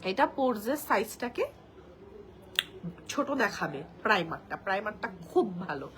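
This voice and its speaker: A woman with a Bangladeshi accent chatting through a live makeup demo, speaking softly because she has a cold and a sore throat. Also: medium pitch, sing-song, moderate pace. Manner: talks softly while applying makeup, chatty. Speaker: makeup brand presenter. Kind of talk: live product demo chat.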